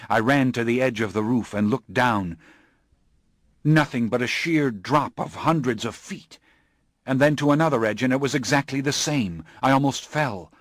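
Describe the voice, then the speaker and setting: A man reading an audiobook in scripted narration, hushed and low in the eerie passages and urgent in the action. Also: no room sound, studio quality.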